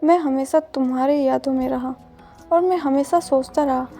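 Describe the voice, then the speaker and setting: A woman's voice: high voice, steady tone, normal speed, mellow, faint music behind. A woman voicing a flustered young man in love in a told fan-fiction story. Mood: earnest.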